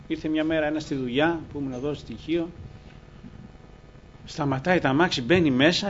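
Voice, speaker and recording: A man's voice: on the high side, highs cut off, slight background noise. A man preaching a fervent sermon to his congregation, often calling them brothers. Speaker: pastor.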